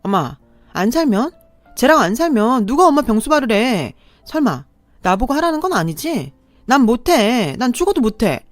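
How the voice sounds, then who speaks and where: A woman's voice: medium pitch, big pitch swings, a little fast, few pauses, no echo, soft background music, close to an everyday voice. A woman voicing a spoiled, selfish older sister who talks in a whiny, dismissive way.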